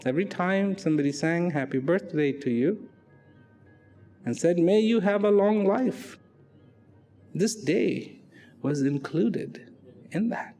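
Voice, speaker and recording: A man giving a dramatic motivational narration, slow and emphatic, asking rhetorical questions and sometimes dropping to a near whisper. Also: high voice, mellow, faint music behind.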